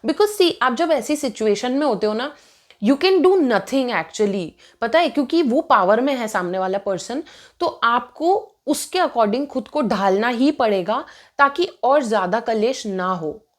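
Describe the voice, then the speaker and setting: A young woman in her twenties, sitting down to tell a personal story in a loose, chatty way. Her voice sits a little high, and she jumps between Hindi and English mid-sentence, sounding lively and indignant as she goes. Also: measured pace. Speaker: vlogger telling a personal story. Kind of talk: casual storytime narration.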